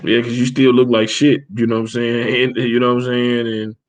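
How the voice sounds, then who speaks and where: Profane, animated man in casual boxing chat. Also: medium pitch, fairly quick. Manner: profane, animated storytelling with acted-out quotes. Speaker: podcast co-host.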